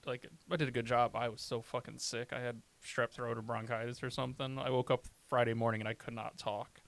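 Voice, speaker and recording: A man's voice: medium pitch, flat delivery, fairly quick, gravelly, fairly bright tone. A man, a stand-up comedian, chatting casually on a podcast, telling rambling stories and swearing often. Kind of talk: casual chat.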